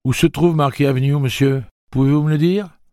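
A man's voice: on the high side, steady tone, a little fast, mellow, no room sound, studio quality, pitched above the performer's own voice, lightly acted. A man voicing a polite, weary young boy who speaks deferentially to his elders.

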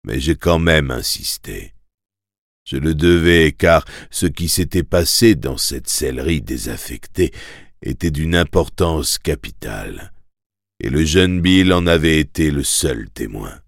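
A man narrating a story in the first person in a measured, grave way, for an audiobook. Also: extremely low pitch, expressive, dry recording, clean studio sound.

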